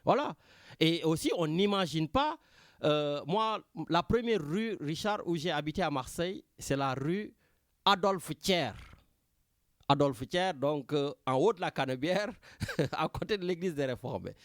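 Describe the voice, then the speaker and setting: A man's voice: on the high side, animated, normal speed, no room sound. A man with a Senegalese French accent hosting a talk radio show from a studio, talking animatedly and often turning to his co-host by name. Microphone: studio microphone.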